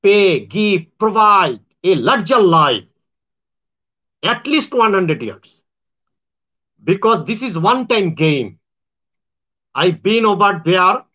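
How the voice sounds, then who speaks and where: A Bangladeshi man, an astrologer and self-styled spiritual speaker, gives a monologue to viewers in a high, sharp-toned, very animated voice. His speech is halting and repetitive with frequent restarts, and the audio sounds dull.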